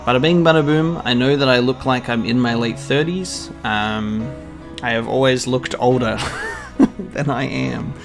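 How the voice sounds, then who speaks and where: A gaming YouTuber in his twenties, speaking with an Australian accent, addresses his subscribers in a relaxed, sincere and hesitant manner. His medium-pitched voice is a little slow with vocal fry, and guitar music plays underneath.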